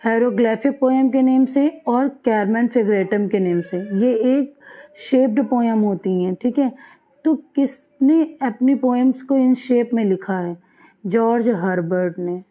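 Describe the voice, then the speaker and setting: A woman teacher giving an exam-prep lecture, reading questions out slowly and then explaining in a quick Hindi-English mix, repeating key answers. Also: fairly high pitch. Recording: dull lo-fi sound.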